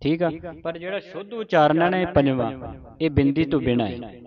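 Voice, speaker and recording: A man teaching careful scripture pronunciation, reciting verses slowly syllable by syllable and correcting common mistakes. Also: fairly high pitch, muffled recording, crowd noise.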